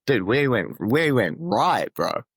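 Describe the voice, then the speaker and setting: Big pitch swings and a breathy edge mark this young man's mid-range voice, which moves at a moderate pace in a dry recording. He has a New Zealand accent and is chatting casually as a podcast guest, spinning relaxed stories full of swearing and laughter.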